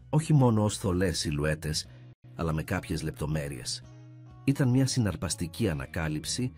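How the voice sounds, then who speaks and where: Male narrator for a dramatic scripted story, low husky voice, very lively intonation.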